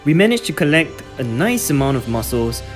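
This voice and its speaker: A man's voice: medium pitch, big pitch swings, fairly quick, music in the background. A man reading scripted narration for a vlog.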